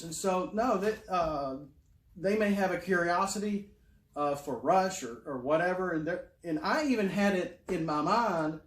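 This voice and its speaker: A man's voice: fairly high pitch, echoey room. A middle-aged man rambling in a casual monologue, full of fillers and restarts. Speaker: YouTuber.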